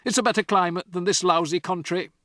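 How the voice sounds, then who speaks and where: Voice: medium pitch, fairly even intonation, fairly quick, fairly bright tone, dry recording, studio quality, voice pushed up, natural voice. A narrator doing a barking, bullying dad. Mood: snapping. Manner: barking, curt orders. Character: bullying, impatient middle-aged father.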